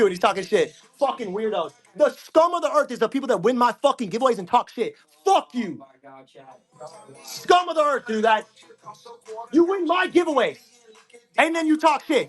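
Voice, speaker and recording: Brief: very high-pitched male streamer, profane and combative, yelling at his chat. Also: animated, normal speed, soft background music. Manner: profane, aggressive ranting. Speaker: live-stream card seller. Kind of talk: angry livestream rant.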